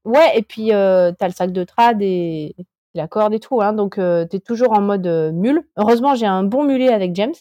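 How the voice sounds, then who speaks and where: A woman's voice: medium pitch, normal speed, mellow, dry recording, clean studio sound. A woman in her thirties, a climber guest on a podcast, chatting casually and hesitantly with many fillers and restarts. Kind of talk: casual interview chat.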